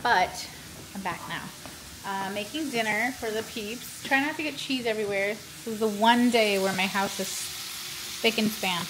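A woman's voice: mid-range voice, measured pace, roomy sound. A woman in her thirties chatting casually as a vlogger in her home kitchen while she cooks, laughing often. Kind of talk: casual vlog chat. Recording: noisy kitchen with sizzling pan.

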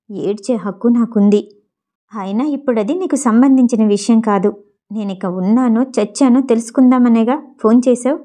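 A woman's voice: fairly high pitch, warm tone, lightly acted. A woman voicing a heartbroken, bitter young woman in an audiobook, speaking in a tearful, trembling voice. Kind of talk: audiobook character voice.

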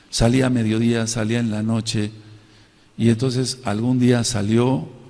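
A man preaching a sermon as pastor, shifting between loud outbursts and quiet storytelling. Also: medium pitch, big-room sound. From Mexico.

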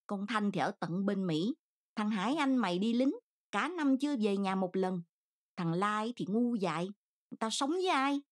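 A woman's voice: mid-range voice, lively intonation, moderate pace, lightly acted. Storybook mother, middle-aged, aggrieved and complaining, read by a female narrator. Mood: self-pitying. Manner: complaining, self-pitying.

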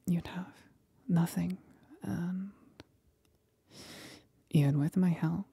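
A slow, teasing, husky whisper brings a sly and condescending demon companion to life in this woman's ASMR roleplay. Her fairly low, warm voice is exaggerated, with no room sound around it, and the mood turns cruel and taunting.

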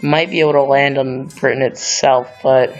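A man talks through a strategy game, rambling and thinking aloud with frequent self-corrections. His voice sits at a middling pitch. The recording sounds dull and lo-fi, with faint music underneath. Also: fairly even intonation, normal speed. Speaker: gaming channel host.

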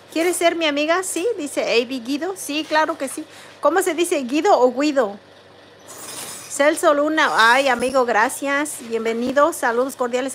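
Young woman, high voice, livestream host reading chat and greeting viewers by name, faint background hum. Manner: chatty, warm greetings to each viewer, reads chat names aloud. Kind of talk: casual livestream chat, reading comments aloud.

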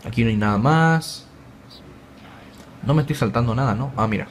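A young man giving chatty, excitable let's play commentary, joking with viewers as he plays. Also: mid-range voice, normal speed, slight background noise. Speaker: gaming YouTuber.

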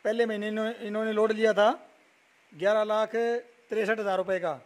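A young man from Haryana, India, touring a buffalo shed at night and chatting as a dairy vlogger. He repeats numbers and names back and fills pauses with "a". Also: high voice, flat delivery. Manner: repeats figures and names back, many "a" fillers. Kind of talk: casual walk-around video with interview.

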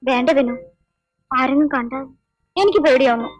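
An actress playing a shy young college student in an 1980s film, timid and hesitant. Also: female voice, high voice, moderate pace, soft background music, lightly acted, low-quality recording. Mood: nervous. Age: young adult.

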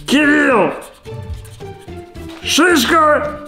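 A man's voice: very high-pitched, lively intonation, drawn-out words, sharp tone, soft background music, heavily acted. A man playing a self-important male math professor in a comic home role-play, pompous and theatrical, in a living room. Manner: pompous, theatrical, bursts of laughter. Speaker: dad playing a teacher for his daughter. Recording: roomy echoey living room.

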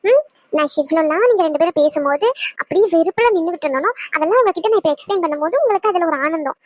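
A woman's voice: very high-pitched, animated, no room sound, clean studio sound. A woman voicing a huffy young wife in a cartoon who scolds her husband. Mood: scolding. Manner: scolding, fast, indignant. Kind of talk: cartoon voice acting.

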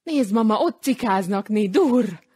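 A woman voicing a small boy who starts out frightened and ends up excited, in a high, childlike voice. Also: husky, no echo, studio quality.

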